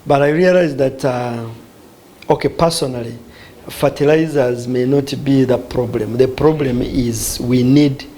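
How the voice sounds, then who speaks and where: A man's voice: mid-range voice, fairly even intonation, a little slow, dark tone, rough recording. A man from western Uganda, a guest in a studio discussion who explains earnestly and asks himself questions that he then answers.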